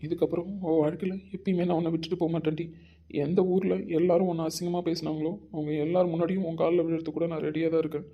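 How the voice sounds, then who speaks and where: A man's voice: fairly high pitch, little pitch movement, rapid-fire, highs cut off. A man playing a remorseful young husband who speaks earnestly and apologetically in an amateur audio drama. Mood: remorseful, tender.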